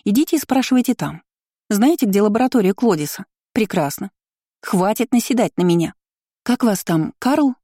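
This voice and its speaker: A narrator voicing an indignant, haughty young female aristocrat in a loud, raised voice in an audiobook reading. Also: medium pitch, animated, moderate pace, no echo, clean studio sound, voice pushed up, lightly acted.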